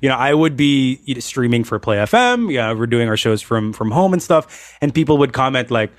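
A man's voice: mid-range voice, a little fast, no room sound. A young man with a Filipino accent, a radio DJ chatting casually and animatedly about his craft. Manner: animated, switches into playful on-air announcer voices. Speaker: radio DJ and co-host. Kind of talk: casual chat.

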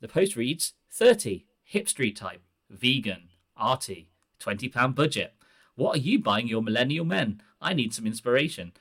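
Man, podcast host, reads posts aloud, measured and earnest. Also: mid-range voice, big pitch swings, a bit bright. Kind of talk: hosting and reading listener posts aloud.

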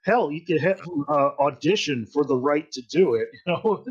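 A man's voice: a little high, expressive, moderate pace, slightly rough, dull audio. A man co-hosting a casual gaming podcast, rambling with lots of fillers and frequent laughs. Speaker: podcast co-host. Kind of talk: casual chat.

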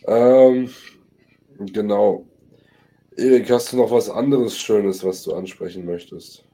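Low, mellow male podcast host. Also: steady tone, slow pace. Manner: teasing, short interjections. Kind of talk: casual chat.

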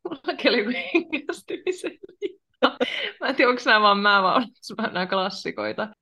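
A young woman co-hosting a podcast, chatting casually in a lively way and laughing often. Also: medium pitch. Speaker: podcast co-host. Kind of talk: casual chat.

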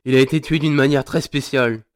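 A man's voice: mid-range voice, steady tone, quick pace, clean tone, close to an everyday voice. An actor playing a grieving, vengeful sergeant who snarls, taunts and swears at his captive. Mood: menacing. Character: grieving vengeful male sergeant, furious, crude. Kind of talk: audio drama acting.

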